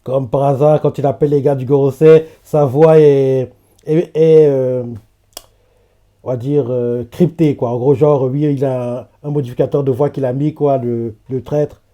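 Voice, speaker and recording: A man's voice: mid-range voice, steady tone, moderate pace, lo-fi sound. A man streaming a live anime reaction, chatting casually with lots of fillers and frequent laughter. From French-speaking.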